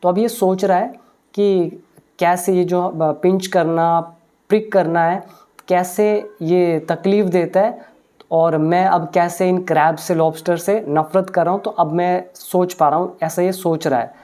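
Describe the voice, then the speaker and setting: A woman teaching English, explaining a story line by line in a mix of Hindi and English. She patiently translates each English phrase and often pauses with hesitation sounds. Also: fairly low pitch, fairly even intonation, dark tone.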